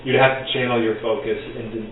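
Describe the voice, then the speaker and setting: A man's voice: mid-range voice, flat delivery, quick pace, far from the mic, over a noisy crowd. A man running a tabletop game as game master, talking casually and informally with some swearing. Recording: roomy, thin phone-like sound, music behind. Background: music.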